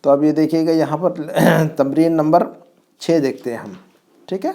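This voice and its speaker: A man's voice: fairly high pitch, fairly even intonation, warm tone. A man teaching a grammar class at home, drilling his students with repeated questions and frequent checks that they follow. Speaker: Arabic teacher. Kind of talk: classroom lesson.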